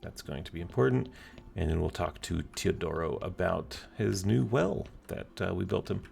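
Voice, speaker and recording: A man's voice: low voice, normal speed, vocal fry, darkish tone. A man casually commenting on his own gameplay, muttering and humming to himself as he plays. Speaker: video game player. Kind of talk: let's play commentary.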